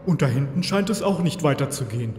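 A man playing an excitable, upright adventurer in a fan film, with expressive delivery. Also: on the high side, quick pace, a little hiss or hum, close to an everyday voice. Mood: curious, amazed. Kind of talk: amateur film dub acting. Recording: echoey hall, film music behind.

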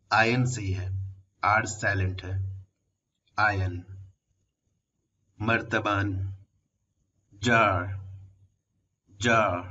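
A man's voice: on the low side, pushed and bright. A man teaching household words in a vocabulary lesson, saying each English word twice after the Hindi one and adding short explanations. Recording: distant, dull lo-fi mic.

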